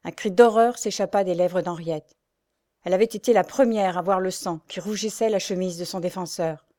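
A woman reading a classic French novel aloud as audiobook narrator, in an expressive, measured way. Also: lowish voice.

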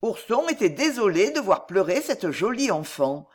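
A woman reading a classic children's storybook aloud in a measured, expressive storytelling manner. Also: mid-range voice.

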